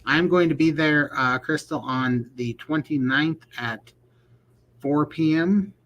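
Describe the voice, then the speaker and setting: A man's voice: a little high, slow, a bit bright, dull audio. A man co-hosting a casual livestream chat, rambling and laughing often. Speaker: livestream co-host.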